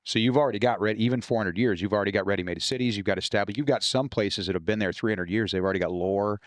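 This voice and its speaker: An American man with a lowish voice talks very fast in a dry recording. He's a guest author discussing his own novels in a casual podcast conversation, explaining things informally with loose, profane language.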